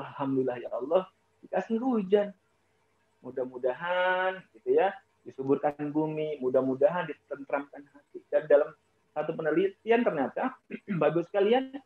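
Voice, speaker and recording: A man giving a motivational talk in a preacher-like way, often addressing his audience and softly imitating prayers. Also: on the high side. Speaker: motivational speaker. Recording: tinny phone-like sound.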